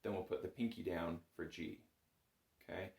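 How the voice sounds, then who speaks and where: In a small home music room with roomy echo, a male bagpipe teacher explains things step by step in a patient, encouraging, conversational lesson. He speaks at normal speed in a low, creaky, slightly mellow voice with fairly even intonation.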